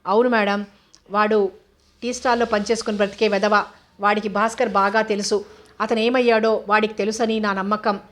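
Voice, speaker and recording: A woman's voice: medium pitch, flat delivery, a little fast, close to an everyday voice. A woman voicing a deferential male police officer who answers his superior respectfully in a storybook reading. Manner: respectful, keeps saying "madam".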